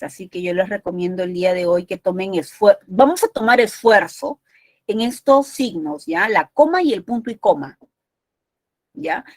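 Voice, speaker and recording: A woman's voice: medium pitch, no room sound. A woman teaching a university entrance exam prep class, explaining patiently and often checking in with short tag questions.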